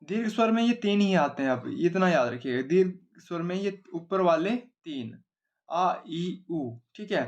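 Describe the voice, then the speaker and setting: Higher-voiced male teacher. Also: expressive, measured pace, lo-fi sound. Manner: explains simply, repeats questions and answers them himself, asks 'है ना?' often. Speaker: Hindi grammar teacher. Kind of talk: exam-oriented whiteboard lesson.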